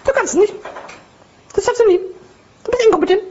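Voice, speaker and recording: High squeaky mocking inner voice, rapid jabs, faint hiss behind. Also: female voice, a little mellow, highs cut off. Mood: taunting. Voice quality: squeaky, cartoonish.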